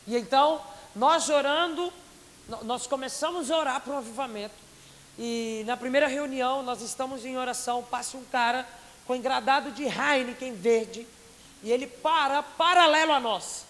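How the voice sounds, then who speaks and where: A young man from Brazil preaching an emotional testimony, swinging between hushed and loud storytelling. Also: extremely high pitch, moderate pace. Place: large conference hall. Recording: echoey hall, faint hiss.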